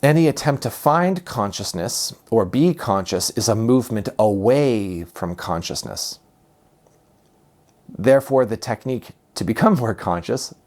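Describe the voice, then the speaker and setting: A man giving a reflective spiritual talk as a teacher, speaking calmly and unhurriedly and repeating phrases for emphasis. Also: lowish voice.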